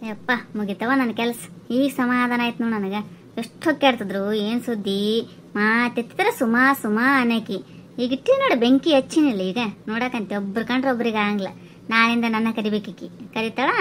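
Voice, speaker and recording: A sly neighbour woman, voiced by a woman, pours on flattery in a lightly raised voice at a brisk pace. She has a North Karnataka Kannada accent, and faint ambience sits under her lines in this cartoon. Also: a little high, slight background noise, close to an everyday voice. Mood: scheming. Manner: sweet-talking, flattering. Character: wheedling young neighbour woman, sly gossip. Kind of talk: comic cartoon voice acting.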